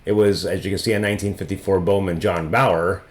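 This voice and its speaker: A man's voice: deep voice, steady tone, brisk. A man hosting a casual video review of trading cards, talking loosely and thinking aloud as he goes. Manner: loose and conversational, thinking aloud with frequent restarts. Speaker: trading card reviewer and host.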